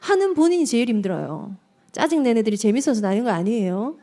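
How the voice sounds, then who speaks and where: A woman evangelist giving a lively seminar lecture to parents, talking straight to the audience and acting out little scenes. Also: a little high, fast talker. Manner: animated, addresses the audience directly, acts out quotes.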